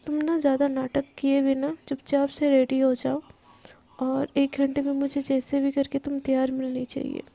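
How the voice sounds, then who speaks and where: Woman doing a bossy auntie barking orders, high voice, kinda dry and dark. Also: completely flat delivery, moderate pace, vocal fry. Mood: stern. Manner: ordering curtly. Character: bossy aunt, stern and commanding.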